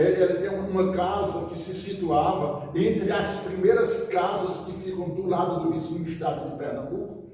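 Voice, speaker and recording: In a laid-back storytelling interview, an elderly man from Northeast Brazil, once a teacher and now a retired writer, wanders through childhood memories with frequent restarts and self-corrections. His voice sits on the high side and is a little mellow. The sound is distant and echoey, trailing a long reverb.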